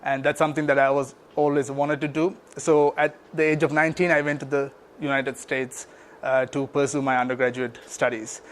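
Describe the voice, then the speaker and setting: A man in his thirties from Sri Lanka with a Sri Lankan English accent, giving a talk about his nonprofit with many pauses and restarts. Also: medium pitch, little pitch movement, slight background noise. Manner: halting, many fillers and restarts. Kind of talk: speech to an audience.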